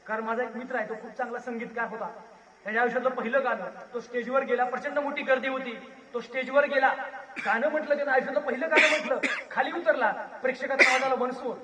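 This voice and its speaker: Booming high-voiced male orator in echoey hall. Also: fairly even intonation, fast, background noise. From Maharashtra. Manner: storytelling orator, booming delivery. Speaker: public lecturer on history. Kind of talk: rousing public speech. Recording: echoey hall, voice far from mic.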